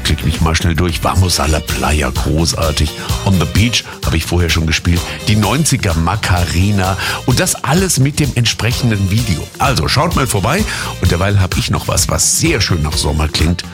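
A man's voice: low-pitched, expressive, moderate pace. A man hosting a music radio show, chatting casually and speaking straight to the listeners. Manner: chatty, addresses listeners directly. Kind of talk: upbeat radio presenting. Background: music bed.

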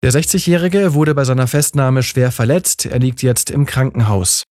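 Man reading news, measured, formal, dry close sound. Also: mid-range voice, darkish tone, dry recording. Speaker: newsreader.

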